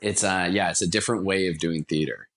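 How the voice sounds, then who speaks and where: Here a low-pitched, slightly bright voice moves quickly as an American guest answers interview questions earnestly and conversationally. The speaker, a theater company founder from Washington, D.C., repeats words for emphasis.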